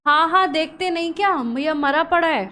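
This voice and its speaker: A woman's voice: very high-pitched, steady tone, moderate pace, bright, forceful tone. A woman voicing a scheming male turtle, friendly with his crocodile friend, reading a storybook play aloud. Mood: fake grief. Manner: friendly, then scolding.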